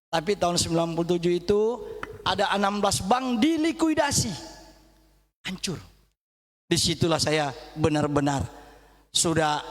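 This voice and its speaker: A middle-aged man preaching a sermon, telling a personal testimony in an animated way, swinging from loud to hushed. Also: sits high, vocal fry. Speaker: pastor. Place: church hall. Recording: church hall reverb.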